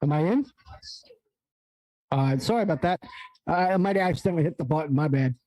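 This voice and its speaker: A man hosting a wrestling watch-along, excitable and rambling, often stumbling and correcting himself, amped up on coffee. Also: fairly high pitch, brisk, rough recording. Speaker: stream host. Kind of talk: casual watch-along chat.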